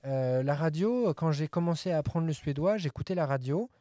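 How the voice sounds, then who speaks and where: A man's voice: on the high side, expressive, moderate pace, mellow, no room sound. A man, a linguist, chatting casually about language apps and videos, with many fillers and repeated words.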